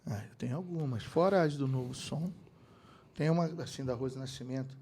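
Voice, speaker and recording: A man's voice: medium pitch, brisk, a little hiss or hum. A middle-aged man from Brazil, a keyboardist and producer telling anecdotes in a casual interview. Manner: animated anecdotes with quoted voices and laughter. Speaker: guest, keyboardist and music producer.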